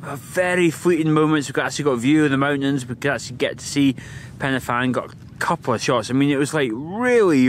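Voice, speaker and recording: On an open, windy hilltop, a man in his forties hosts an outdoor vlog, holding the camera at arm's length. He's a landscape photographer with a medium-pitched voice, chatty, upbeat and self-mocking, and there's a little hiss or hum on the recording.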